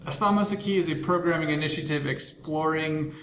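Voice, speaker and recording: A man's voice: fairly high pitch, a little fast, a bit bright. Male podcast host in an echoey space. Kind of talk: scripted podcast hosting with casual asides. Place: echoing visitors' bullpen at a ballpark. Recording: echoey hallway-like room, background noise.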